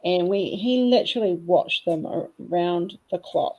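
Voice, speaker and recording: A woman talks through her craft session in a relaxed, rambling way. Her voice sits on the low side and she keeps slipping in cheeky asides. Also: normal speed, highs cut off. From New Zealand. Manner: chatty and cheeky, rambling fondly. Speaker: craft vlogger. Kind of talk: casual chat while diamond painting.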